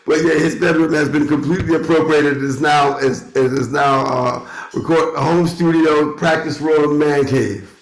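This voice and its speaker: Higher-voiced middle-aged man in an echoey room. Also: fairly even intonation. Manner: halting, repeats phrases as he reasons. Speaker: musician, guest. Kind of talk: casual chat. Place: bedroom turned home studio. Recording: roomy, echoing internet call audio.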